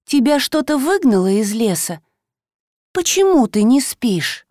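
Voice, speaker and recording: A woman voicing a young sorceress who wails and curses theatrically at the dark. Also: on the high side, sing-song, measured pace, no echo, clean studio sound, pitched above the performer's own voice. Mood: cautious. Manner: theatrical howling and cursing.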